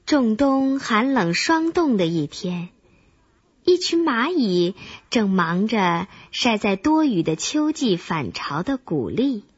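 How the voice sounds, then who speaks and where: A woman tells a children's fable in a high, very lively voice. She reads slowly and deliberately, with a breathy, husky grain. The recording sounds dull and lo-fi. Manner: slow, deliberate storybook delivery. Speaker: storyteller. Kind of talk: reading a children's fable aloud.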